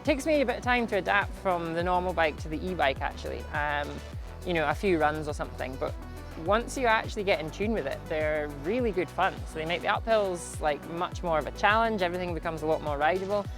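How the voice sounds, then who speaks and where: Highland Scottish rider over clear music. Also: male voice, expressive, brisk. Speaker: e-bike racer being interviewed. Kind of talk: casual interview. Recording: music behind the voice.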